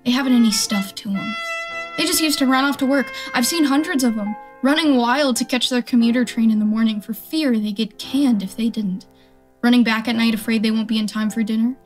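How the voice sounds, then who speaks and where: Playing a defiant militia stranger focused on survival in a radio play, a woman speaks in a blunt, folksy, speechifying way that sounds fierce and scornful. Her voice is fairly high and fairly quick, lightly acted, with faint music behind her.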